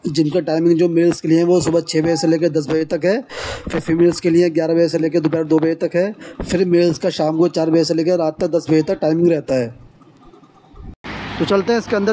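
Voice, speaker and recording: A man's voice: high voice, mellow. A man giving a walking tour of a busy gym, plainly pointing things out and repeating himself as he goes. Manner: plain, repetitive guiding, points things out as he walks. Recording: noisy gym background.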